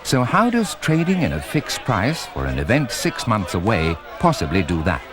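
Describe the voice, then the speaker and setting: A man reading scripted corporate documentary narration in a measured, formal way. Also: fairly low pitch, wildly swooping pitch. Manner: measured, formal presenter delivery. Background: music.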